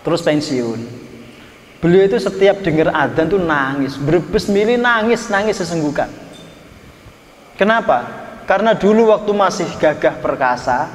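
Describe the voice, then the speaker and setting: A man's voice: on the high side, expressive, normal speed. A man preaching a sermon, telling folksy stories and teasing his listeners. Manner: folksy storytelling, teasing the audience. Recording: echoey hall from far off.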